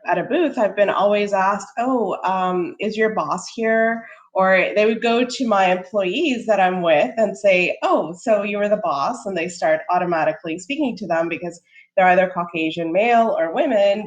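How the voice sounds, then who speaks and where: A woman's voice: medium pitch, low-quality recording. A middle-aged woman, born in Sri Lanka, speaking as a startup co-founder on a panel, friendly and full of ums, with light laughs. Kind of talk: casual panel talk.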